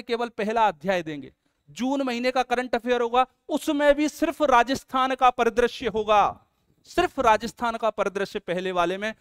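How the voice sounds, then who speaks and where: High, clear-voiced man coaxing exam students. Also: fairly bright tone, no room sound, clean studio sound. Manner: earnest, coaxing, calls students beta. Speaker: exam coaching teacher. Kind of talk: promotional explainer lesson.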